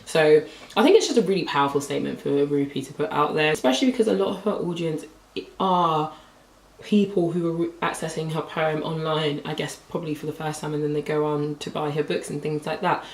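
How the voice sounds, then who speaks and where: Slightly hoarse woman chatting about books. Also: deep voice, a little fast, far from the mic. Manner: chatty, rambling, lots of "like" fillers. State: slightly hoarse, losing her voice. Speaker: book vlogger. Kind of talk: casual book review chat. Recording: roomy echo, voice a bit off-mic.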